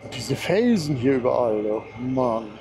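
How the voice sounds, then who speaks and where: A man's voice: medium pitch, very animated, measured pace, background noise. A man giving a casual, enthusiastic running commentary to viewers while riding a motorcycle on a mountain road, talking through a helmet mic. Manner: chatty, enthusiastic, talks to himself and viewers. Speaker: motorcycle vlogger.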